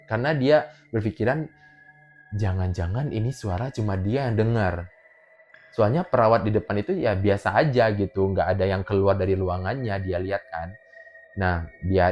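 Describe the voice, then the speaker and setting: A man with a fairly low voice tells a spooky story in a relaxed, chatty way. He plays it up, dropping to a hushed murmur for tense moments and then suddenly getting loud. Soft music plays faintly behind him. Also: lo-fi sound. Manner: dramatic, drops to hushed murmurs and bursts into loud exclamations. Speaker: horror storyteller. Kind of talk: casual spoken horror storytelling.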